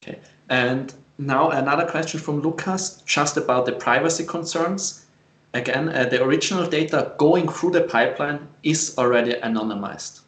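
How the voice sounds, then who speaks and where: A man moderating a live Q&A, reading out audience questions in a slightly halting way. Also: on the high side, fairly bright tone. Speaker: event moderator. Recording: echoey room sound.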